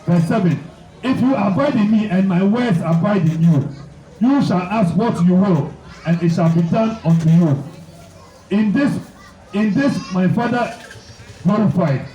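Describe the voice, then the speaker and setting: A male preacher reading scripture and repeating key lines for emphasis. His voice sits high but sounds mellow. It is recorded from a distance in an echoey room. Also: a little slow. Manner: prays blessings, then reads scripture aloud, repeating phrases for emphasis.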